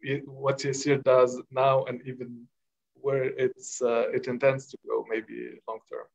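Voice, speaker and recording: A man moderating a panel over a video call, who speaks slowly and searches for his words. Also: medium pitch, flat delivery, creaky. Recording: dull, lo-fi video call audio.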